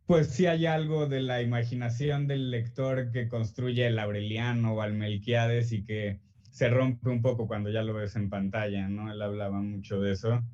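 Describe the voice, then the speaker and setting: A young Mexican author answers interview questions in a relaxed, hesitant way, filling his speech with fillers and restarts. His voice is medium in pitch, and the high frequencies are cut off.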